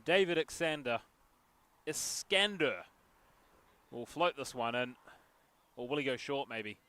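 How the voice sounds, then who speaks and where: Bright-voiced football commentator. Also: male voice, mid-range voice. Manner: chatty, jokey asides, excited bursts at chances. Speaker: match commentator. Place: outdoors at a local sports field. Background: passing traffic.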